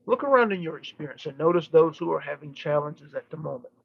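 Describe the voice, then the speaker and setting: Expressive yet creaky and husky, a man's high voice channels spiritual teaching live in seance-medium style. He speaks oratorically, with emphatic phrases separated by deliberate pauses, on a muffled recording.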